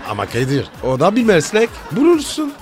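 A man's voice: high voice, huge pitch swings, fairly quick, over music. A man co-hosting a comedy radio show, playful and mock-pleading, reeling off blessings in a beggar's patter. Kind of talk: comic radio banter.

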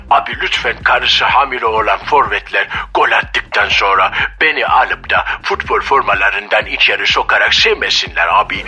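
A man voicing a whiny, fed-up talking football with a German accent in a radio comedy sketch. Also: medium pitch. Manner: whiny complaining, bursts into shouts.

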